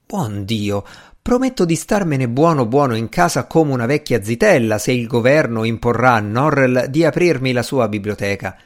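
A man's voice: medium pitch, animated, moderate pace, hardly any pauses, voice pushed up, close to an everyday voice. A man reading the part of an ambitious, impatient young male magician in an audiobook, earnest and easily irritated.

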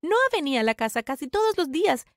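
A woman's voice: sits high, very animated, fast, no room sound, clean studio sound. A young woman narrating a dramatic first-person story about her twin sister. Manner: dramatic confessional telling.

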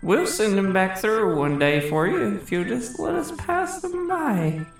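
A woman's voice: medium pitch, big pitch swings, unhurried, gravelly, soft background music. A woman playing a tabletop role-playing game, talking casually as she describes her character's moves. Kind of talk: casual role-play chat. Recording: echoey room.

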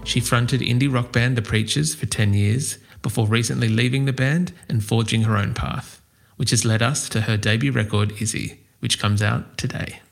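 A man's voice: mid-range voice, steady tone, moderate pace, creaky. An Australian man hosting a music podcast, chatting casually with fillers and restarts. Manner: friendly, hesitant with fillers and restarts. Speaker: podcast host. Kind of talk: casual interview chat.

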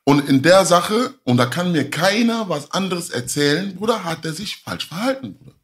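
A man in casual podcast talk whose voice rises and falls a great deal, sitting slightly high. He sounds heated and says things again and again. He drops "brother" into his sentences. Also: big pitch swings, normal speed. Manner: heated, repeats himself, calls others "Bruder". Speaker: podcast guest.

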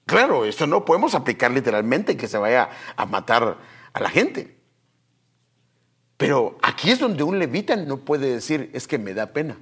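A man delivers a sermon in a husky voice, his pitch rising and falling dramatically. He speaks straight to his listeners, often calling them brother. He drops to near-whispers, then comes back with loud, pointed emphasis. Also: very animated, normal speed. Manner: swings between hushed asides and loud emphatic bursts; addresses the congregation directly, repeating "fíjese" and "hermano". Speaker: pastor.

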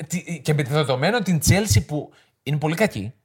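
Male podcast co-host, casual and opinionated, slightly high-pitched. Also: animated, husky. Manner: conversational, opinionated, plain-spoken. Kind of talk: casual football chat.

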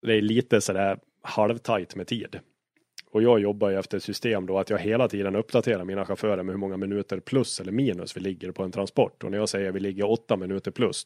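A man's voice: low-pitched, no room sound, studio quality. A man, a rally co-driver, telling stories casually in an interview, swearing freely and acting out old quarrels. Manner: lively storyteller, swears freely, acts out quarrels.

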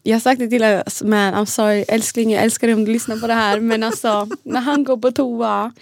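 Brief: young woman podcast co-host, high-ish, animated storyteller, dry close studio sound. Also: vocal fry, no room sound. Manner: animated storytelling, acts out quotes. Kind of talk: casual chat.

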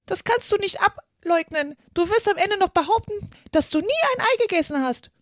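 A woman voicing an outraged female pigeon guarding her eggs in a storybook reading, shrill and scolding. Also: expressive, normal speed, dry recording, studio quality. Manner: shrill, scolding, near-sobbing outbursts. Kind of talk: audiobook character reading.

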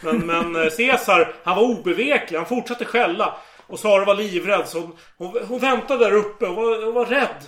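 A man retells a story in casual chat, animated and eager to act out each quoted line. His voice sits high. The recording has a noticeable room echo.

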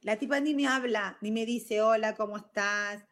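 A woman's voice: on the high side, moderate pace. A middle-aged woman with a Rioplatense Spanish accent, hosting a show and telling a personal story in a casual monologue, mixing in English words. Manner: animated, slips into English words. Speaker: show host.

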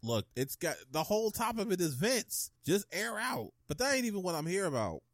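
A man's voice: high voice, big pitch swings, brisk, no echo, studio quality. A man co-hosting a podcast in casual chat, ranting animatedly and swearing freely. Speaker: podcast co-host.

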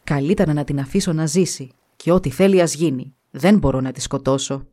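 A woman's voice: deep voice, dark tone, pitched below the performer's own voice. Woman voicing a weary, conflicted old king. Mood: remorseful. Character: torn, weary old king, a reluctant father.

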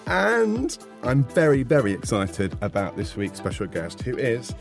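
A British man, a doctor hosting a podcast, chatting in a playful, jokey way with some halting restarts. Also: medium pitch, huge pitch swings, creaky, over music. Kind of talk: casual chat.

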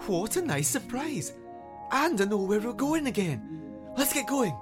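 A man voicing a gentle, hopeful young unicorn in a storybook, speaking high, excitable and earnest. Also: a little slow, music in the background. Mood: excited.

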